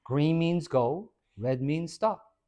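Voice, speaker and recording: A man who is a fitness trainer, giving an informal, energetic talk to a small audience. He quizzes the listeners and tags many points with "right?". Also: a little high, takes it slowly. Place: hair and skin salon, indoors.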